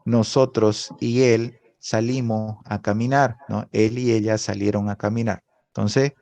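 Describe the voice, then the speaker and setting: A man with a lowish, dark voice and some vocal fry teaches a language class over a video call, speaking a little slowly with fairly even intonation. He explains things patiently and keeps checking in with a questioning "right?" It's an online class lecture picked up by a video call microphone.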